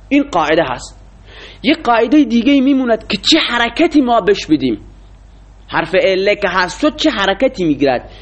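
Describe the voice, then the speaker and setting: A man teaching a classroom lecture, explaining rules and quizzing his students with frequent questions. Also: sits high.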